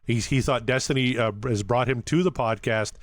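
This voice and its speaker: A man co-hosting a podcast in casual chat, earnestly giving friendly shout-outs to listeners. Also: medium pitch, normal speed, no echo. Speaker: podcast co-host.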